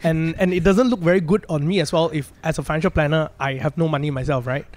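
A man's voice: a little high, steady tone, fast, darkish tone, slight background noise. A man in his thirties with a Malaysian accent, explaining things casually and practically as a financial planner on a podcast. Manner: practical, plain-spoken.

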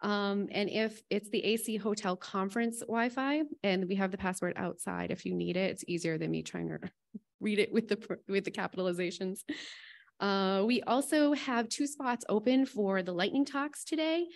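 A woman's voice: medium pitch, normal speed, creaky. A woman from Massachusetts giving a conference welcome speech with announcements, chatty and joking, laughing between lines into a podium mic in a conference room.

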